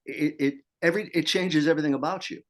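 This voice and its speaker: A man's voice: fairly high pitch, fast. Chatty older man, meandering actor. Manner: chatty, meandering with many restarts. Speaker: interview guest, actor and teacher. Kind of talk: casual video interview.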